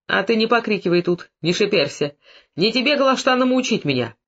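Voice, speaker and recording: A man reading an audiobook, voicing a drunk, quarrelsome older male Cossack who scolds and shouts. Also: high-pitched, expressive, a little fast, heavily acted. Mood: scolding. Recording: dull lo-fi recording.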